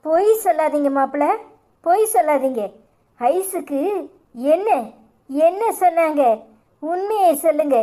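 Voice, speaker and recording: A woman's voice: sits high, unhurried, long pauses, dark tone. A woman voicing a furious scolding mother-in-law. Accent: Tirunelveli Tamil. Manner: scolding, accusing. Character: angry middle-aged mother-in-law.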